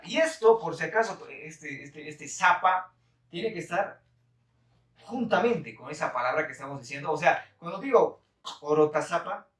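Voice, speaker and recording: A man's voice: fairly high pitch, animated, moderate pace, fairly bright tone, roomy sound, recorded from a distance. A man teaching a live-stream language lesson in a chatty, laughing way, reading viewer comments aloud. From Bolivia. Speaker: Quechua teacher.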